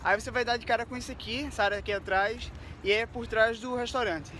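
A young Brazilian-born man talks straight to his viewers in a bright, high voice, chatty and excitable. He holds his phone at arm's length on a city pier outdoors. Clear wind and water noise fill the background of the recording. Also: fast. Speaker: vlogger. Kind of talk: casual travel vlog. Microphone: phone held at arm's length.

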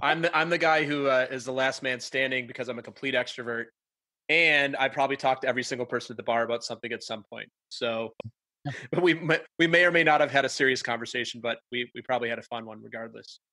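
Male podcast host, bright and tense voice, chatty, easygoing. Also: medium pitch, quick pace. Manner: chatty, upbeat, many fillers. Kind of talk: casual conversation.

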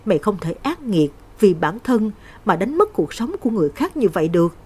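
An earnest older village woman pleading with an old friend, voiced by a woman narrator. Her voice is breathy and lively in pitch. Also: fairly quick.

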